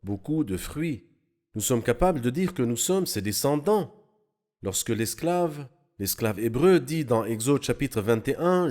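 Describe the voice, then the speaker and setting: A man explaining Bible passages in an animated, teaching manner during a studio discussion. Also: mid-range voice.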